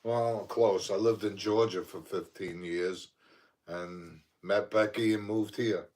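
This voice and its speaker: A man's voice: on the low side, slow. Laid-back man. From New York. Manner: relaxed storytelling, laid-back. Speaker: co-host. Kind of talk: casual livestream chat.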